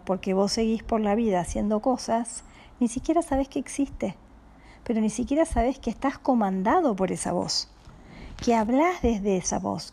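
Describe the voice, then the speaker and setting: A woman with a Rioplatense Spanish accent giving a calm, reflective spiritual talk, speaking slowly and often dropping into a soft whisper. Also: mid-range voice, creaky. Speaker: spiritual teacher.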